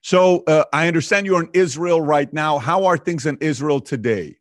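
A man hosting an interview, introducing his guest and asking questions in a brisk, casual way. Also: fairly high pitch, no room sound, clean studio sound. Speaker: host.

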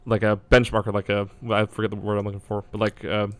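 Casual male sports analyst, low and flat delivery, clean dry sound, works out his thoughts as he speaks. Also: fast talker, dry recording. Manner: hedging, thinking aloud. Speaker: basketball draft analyst.

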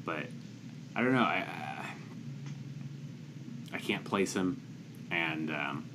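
A man's voice: deep voice, slow, noisy background. A young man co-hosting a podcast, talking casually and hesitantly with many restarts. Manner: hesitant, stumbling restarts, apologetic. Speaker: podcast co-host. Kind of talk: casual chat about a movie.

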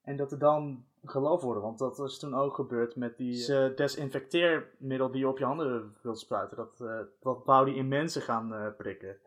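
A young man co-hosting a podcast, telling stories in an animated way and laughing often. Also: medium pitch, normal speed, few pauses. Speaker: podcast co-host. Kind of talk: casual chat.

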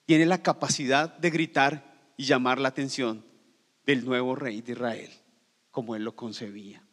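A man preaching a sermon as pastor, swinging from loud cries down to hushed near-whispers. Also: medium pitch, steady tone, moderate pace, in a large hall.

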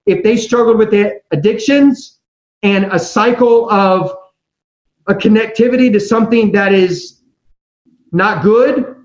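A man preaching a sermon into a pulpit microphone, earnest and emphatic, slowing down to press scripture home. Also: sits high. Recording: roomy, slightly dull mic sound.

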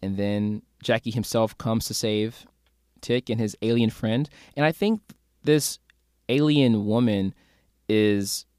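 A man co-hosting a casual TV review chat, thoughtful and analytical, often pausing with fillers. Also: lowish voice, steady tone, darkish tone, smooth, dry recording, clean studio sound. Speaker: podcast co-host.

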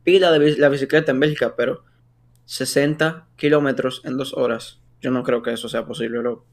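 A man's voice: medium pitch, fairly even intonation, fairly quick. Young Dominican man in slangy chat. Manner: slangy, peppered with tag questions. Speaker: podcast co-host. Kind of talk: casual chat with friends.

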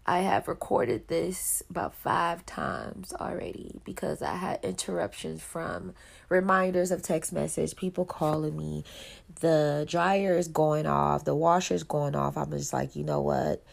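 A woman in her thirties talks through her first solo podcast in a loose, rambling way. Her voice sits low for a woman, with a gravelly fry, and it sounds stuffy and nasal from congestion. She laughs easily and keeps talking. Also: measured pace. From Buffalo, New York. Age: 30s. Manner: chatty, rambling, laughs often. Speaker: podcast host. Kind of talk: casual solo podcast monologue.

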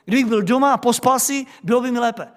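A man's voice: very high voice, big-room sound, voice pushed up. A man putting on a whiny aggrieved churchgoer. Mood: whiny indignant. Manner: complaining, repetitive protest. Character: whiny aggrieved man, annoyed at being disturbed.

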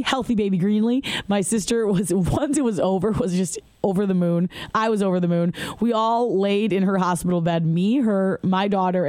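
On her own podcast, a Michigan woman tells a personal story in a candid, chatty way, breaking into laughter at times. The dry recording captures a medium-pitched, slightly mellow voice.

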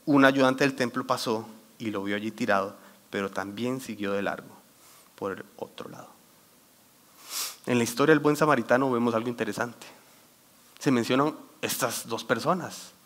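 A man giving a sermon talk, telling a lively story and quoting scripture while getting over a cold. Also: medium pitch, moderate pace. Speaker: church youth speaker.

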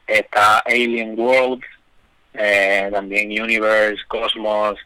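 A man's voice: fairly low pitch, level tone, very slow, pushed and bright, clear, resonant tone, dry recording, low-quality recording. A man co-hosting a podcast, chatting loosely with slang and lots of fillers. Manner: laid-back, loose slang, many fillers. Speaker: podcast co-host. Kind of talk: casual chat.

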